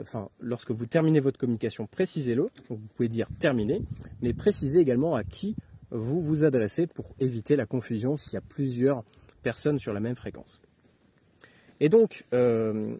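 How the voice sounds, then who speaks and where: A man explains things in an informal tutorial. His voice is mellow and somewhat raspy at an average pitch. He speaks haltingly, often pausing on fillers as he works through his instructions. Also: no room sound. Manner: halting, hesitant, with many filler words and pauses. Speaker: instructor giving outdoor radio advice.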